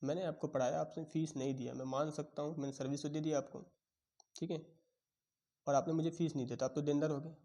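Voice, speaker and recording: Male commerce teacher, young adult, mellow warm tone, quizzes the class and answers for them. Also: on the high side, steady tone, fairly quick. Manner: quizzing students, voicing their replies in Hinglish. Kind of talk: classroom lecture.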